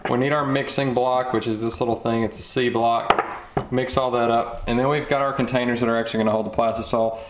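A man's voice: mid-range voice, quick pace. Young guy chatting thru a diy job in his garage, roomy echo, noisy background. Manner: relaxed, chatty, thinking aloud with fillers. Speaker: fishing channel host. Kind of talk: casual how-to vlog. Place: home garage workshop. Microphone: camera mic. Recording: echoey garage with background noise.

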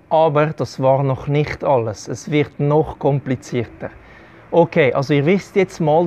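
Middle-aged man, Swiss German accent, slightly high pitch; earnest explainer to camera, lapel mic, outdoor terrace. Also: a little mellow. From Switzerland. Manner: earnest, explains step by step to viewers. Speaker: travel vlogger giving advice. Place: covered outdoor terrace by a garden. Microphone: clip-on lapel mic.

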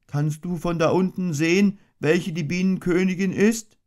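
A man's voice: sits high, steady tone, darkish tone, pitched above the performer's own voice, natural voice. Winnie the Pooh, voiced by a man. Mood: fussy. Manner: slow, earnest, ponderous, sing-song. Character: friendly, slow, muddled little teddy bear. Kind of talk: storybook reading.

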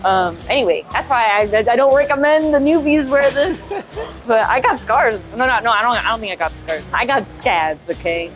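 In a casual gym vlog, a young female powerlifter chats and rambles, filling her speech with filler words, speaking at a moderate pace with a fairly high, lively voice. The lapel-mic recording has background music beneath it.

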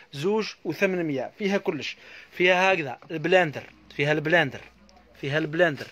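A man with an Algerian accent giving a live sales pitch in a shop, repeating prices and stock blessing phrases as he hawks his goods. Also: sharp tone. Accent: Algerian Arabic. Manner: rapid, repetitive hawking with stock blessing phrases. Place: inside a household goods shop.

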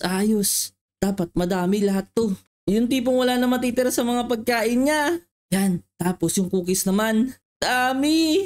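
Woman host, fairly high voice, bossy and scolding, playful game roleplay. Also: a little mellow. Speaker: channel host.

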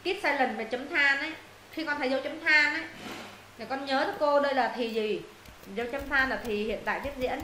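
A woman teaching an English lesson to her students, walking them through answers and firing quick questions to check they follow. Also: sits high, bright, forceful tone. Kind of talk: classroom lesson explaining answers. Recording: roomy echo, faint noise.

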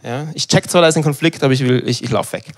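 A man, preaching a sermon in a lively, conversational way and acting out little dialogues. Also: mid-range voice, fast talker.

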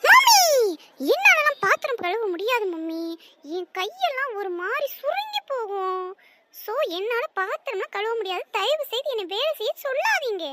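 A woman's voice: very high-pitched, very animated, moderate pace, noisy background. Woman doing a whiny cartoon girl. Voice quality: whiny, pleading. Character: lazy whiny teenage daughter dodging chores. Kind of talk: cartoon voice acting.

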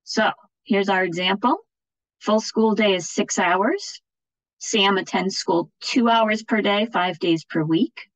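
Taking it slowly in a mid-range voice, this female presenter trains education officials through an informal slide webinar on a video call. She speaks plainly, explains as she goes, and checks in with listeners often. The sound is dry and rough.

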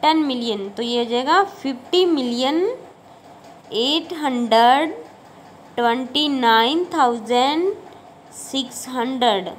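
Patient woman teacher with a Haryanvi Hindi accent, explaining place values slowly, pausing on "okay.". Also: sits high, a little hiss or hum, low-quality recording. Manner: slow, patient, repeats numbers and "okay" checks. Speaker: school math teacher. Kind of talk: classroom math lesson in Hindi-English mix.

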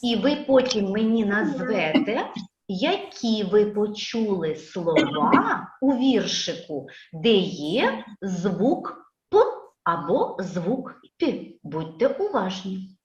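A woman kindergarten teacher giving a phonics lesson, drawing out sounds slowly and coaxing children with questions, recorded in a classroom. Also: mid-range voice, big pitch swings, a crowd in the background. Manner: slow, drawn-out sound drills with children repeating; sing-song, coaxing questions. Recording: echoey room, dull lo-fi sound.

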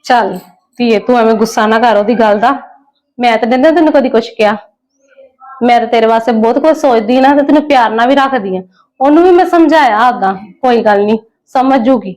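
A woman plays a kindly middle-aged lady of the house in a family drama skit. She soothes and gently lectures in a slightly high, even voice. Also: fairly quick, close to an everyday voice. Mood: soothing. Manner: soothing, gently scolding, preachy.

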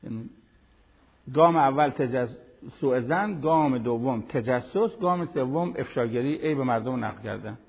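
An older man giving a televised religious lesson, preaching in an animated, conversational way with everyday examples. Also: medium pitch, creaky, breathy edge, in a large hall, lo-fi sound. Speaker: Quran teacher.

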